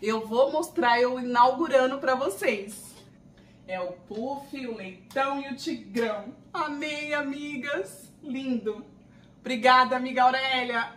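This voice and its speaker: A Brazilian woman gushes through an unboxing vlog, bright and forceful in tone. Her voice rings around an echoey room from a slight distance off the mic. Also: sits high, measured pace, a little hiss or hum. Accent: Brazilian Portuguese. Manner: gushing, exclamatory, chatty with viewers. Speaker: channel host.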